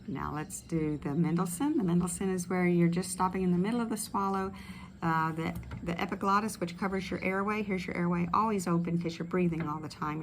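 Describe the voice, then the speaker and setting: Lowish woman speech therapist outdoors. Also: slight background noise. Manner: relaxed, explanatory, many fillers. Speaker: speech pathologist. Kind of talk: instructional exercise video. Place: outdoors in a tropical setting. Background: ambient outdoor sounds with birds.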